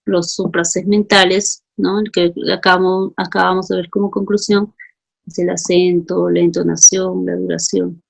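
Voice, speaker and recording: Speaking at normal speed in a fairly low, level voice with vocal fry, a Peruvian Spanish-accented woman leads a class. She addresses students by name, reads out what they answered, and wants them to justify it.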